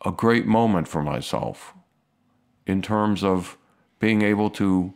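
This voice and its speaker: A low-voiced man from the United States talks in a relaxed, easygoing way. He pauses often with small fillers as he thinks. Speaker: guest musician. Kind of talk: casual conversation.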